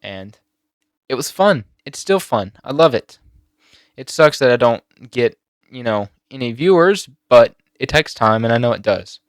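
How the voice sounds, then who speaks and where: A teenage boy talking on his own channel, emotional and halting, near tears at times. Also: medium pitch, lively intonation, clean tone, no room sound, studio quality. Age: teens. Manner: emotional, halting with many fillers and restarts. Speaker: YouTuber. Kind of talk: personal vlog talk.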